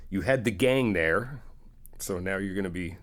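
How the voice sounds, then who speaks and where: In an ASMR comfort roleplay, a young man with a deep voice talks to the listener as a reassuring friend, chatty and dotted with soft laughs, at a moderate pace.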